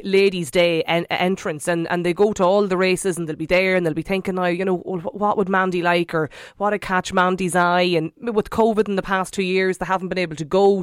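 Woman, Irish accent, radio host, chatty interviewing, mid pitch, dry studio sound. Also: no echo. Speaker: radio talk show host. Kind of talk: conversational live radio interview.

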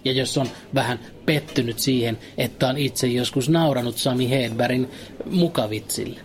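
A man delivering a deadpan, absurd comic monologue in a dry, matter-of-fact way, with hesitant fillers. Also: medium pitch, slight background noise.

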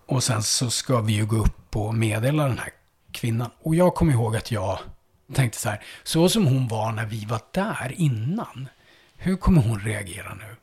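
A man who works as a police officer, recounting a hard call-out in a conversation, halting and full of fillers, dropping low and quiet at the heaviest parts. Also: animated, breathy edge. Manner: halting, with many fillers and restarts.

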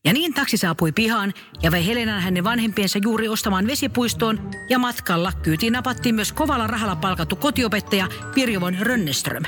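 A man's voice: high voice, long reverb tail, soft background music. A man narrating a comic children's story, playful and speaking to the listener. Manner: playful, lively, addresses the listener.

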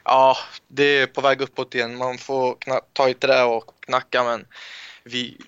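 A young man from Sweden, a footballer guest in an interview, telling relaxed anecdotes with frequent restarts. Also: medium pitch, clear, resonant tone, no echo, muffled recording. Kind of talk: casual interview storytelling.

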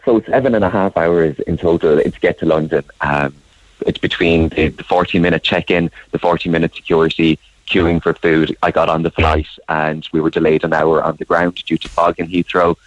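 A man's voice: deep voice, steady tone, brisk, no room sound, muffled recording. A man from County Clare with a west of Ireland accent, talking conversationally as a guest on a radio phone-in. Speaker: phone-in guest, showbiz editor.

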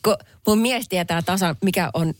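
A woman co-hosting a casual radio chat, talking expressively with quick, exasperated retorts. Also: fairly low pitch, no echo. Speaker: radio host.

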